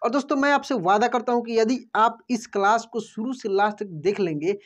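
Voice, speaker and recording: A man teaching a Hindi lesson online, patiently explaining and slowly drawing out each word before repeating it. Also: high voice. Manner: addresses viewers as friends, patient and explanatory. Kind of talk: online lesson, reading words aloud.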